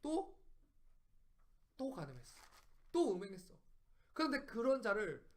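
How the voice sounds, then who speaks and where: High-voiced man preaching a Bible lesson. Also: very animated, unhurried. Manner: emphatic, fires rhetorical questions at listeners; repeats phrases for emphasis. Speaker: Bible study teacher.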